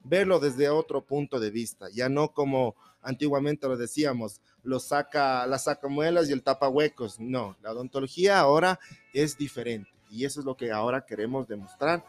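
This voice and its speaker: A man from Ecuador with a highland accent, explaining his dental services as a folksy interview guest. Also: moderate pace. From Baños, Ecuador. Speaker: dentist guest.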